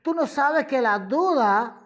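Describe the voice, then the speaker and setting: A woman delivers a sermon in a deliberate, unhurried way, her voice sitting a little high. She stresses her points by repeating them and speaks directly to her listeners as brother and friend. The delivery is emphatic throughout. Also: expressive. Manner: slow, emphatic preaching with repeated phrases. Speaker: preacher. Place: radio program.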